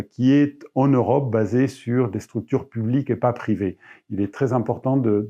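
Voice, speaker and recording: A middle-aged man from Argentina, a research scientist, giving a measured interview statement with frequent hesitations and repeated words. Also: fairly low pitch, creaky, mellow, breathy edge.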